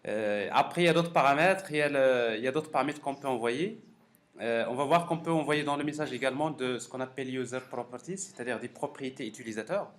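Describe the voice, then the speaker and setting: A university professor with a mid-range voice gives a live technical software lecture during a course session in a classroom. He thinks aloud, halting and repeating words. The classroom recording is clearly noisy.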